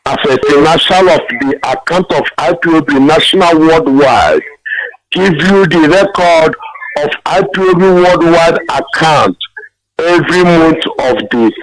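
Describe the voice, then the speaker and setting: A male caller heard through a phone line, his voice sitting fairly high for a man. He speaks in an earnest, emphatic way and repeats his key phrases to drive them home. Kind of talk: call-in question on a live broadcast.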